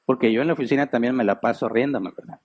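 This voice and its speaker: A middle-aged Mexican man preaching from a church pulpit at a medium pitch. He tells his stories in a relaxed, chatty way, as if talking with friends. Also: quick pace. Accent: Mexican Spanish. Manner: storytelling, conversational, laughs while telling anecdotes. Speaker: pastor. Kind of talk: sermon.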